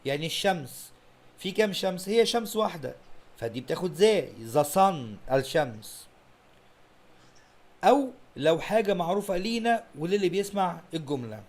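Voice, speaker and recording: Egyptian-accented male tutor, slightly high voice, explains step by step and repeats the key points. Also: sing-song, normal speed. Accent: Egyptian Arabic. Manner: poses students' questions himself and answers them. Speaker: English teacher. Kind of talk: exam-prep lesson explanation.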